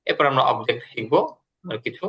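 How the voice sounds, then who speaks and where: Bright-voiced teacher explaining patiently. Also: male voice, medium pitch, fast. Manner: explains patiently, repeating words and translations. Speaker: English teacher. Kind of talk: classroom lesson.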